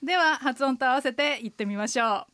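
A woman's voice: high voice, brisk, bright, forceful tone, dry recording. A woman co-hosting a radio language lesson as an interpreter guide, explaining phrases and tones patiently. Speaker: co-host, interpreter guide teaching Chinese phrases.

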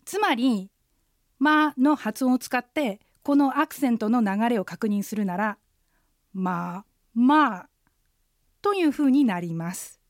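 A woman, an interpreter guide, teaching a radio language lesson, explaining phrases patiently and slowing down to model pronunciation. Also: a little high, lively intonation, no room sound, studio quality. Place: radio studio.

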